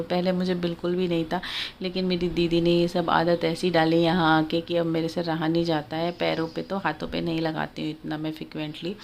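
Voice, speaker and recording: Tired young mother with a creaky voice. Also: fairly low pitch, slight background noise. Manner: soft, tired, confiding. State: recently gave birth, breastfeeding. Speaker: vlogger, mother of two. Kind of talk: casual voice-over narration.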